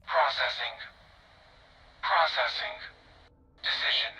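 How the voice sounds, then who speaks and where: A man voicing an emotionless male ship artificial intelligence in a video game. He speaks flatly, announcing a label before each statement. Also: a little high, slow, vocal fry, lo-fi sound, background noise, heavily acted. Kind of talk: video game character dialogue.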